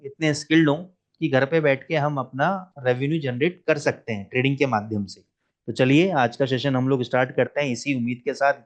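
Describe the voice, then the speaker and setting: A man gives a trading lecture in an online webinar, earnest and persuasive. He keeps checking in with his listeners as he goes. The call audio is dull and lo-fi. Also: medium pitch. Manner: earnest, persuasive, many "theek hai na" asides. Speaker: trading trainer.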